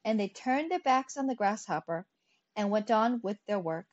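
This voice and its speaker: A woman narrating classic fables in an expressive, lively storytelling reading. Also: mid-range voice, moderate pace. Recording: dull lo-fi recording.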